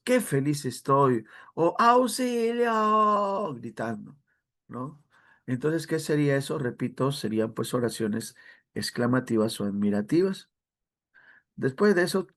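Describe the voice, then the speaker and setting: A man leads an exam review class at an ordinary middle pitch. He explains step by step, often adds a quick question tag and calls on students by name. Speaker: language teacher.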